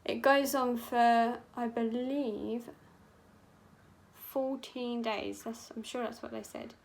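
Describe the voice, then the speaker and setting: A woman's voice: on the high side, fairly even intonation, slow, creaky, poor audio. A young woman, a makeup artist, telling a story in a chatty, sweary, dramatic way while doing her makeup.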